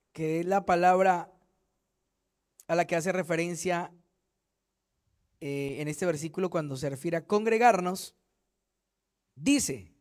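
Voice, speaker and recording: Male pastor, very high voice, fervent sermon delivery. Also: clean tone. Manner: fervent preaching, acts out quoted church members. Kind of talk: Bible study sermon.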